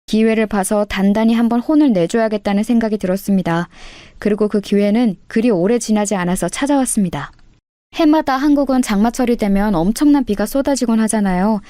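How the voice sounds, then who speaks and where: A woman telling a scripted first-person story to listeners in a steady, confiding way. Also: medium pitch, dry recording, clean studio sound.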